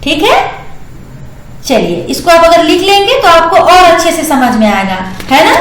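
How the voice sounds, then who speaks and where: A woman teaching young children, patiently sounding out syllables and repeating each word slowly. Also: very high voice, big pitch swings, very echoey, poor audio. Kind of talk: classroom lesson for young children.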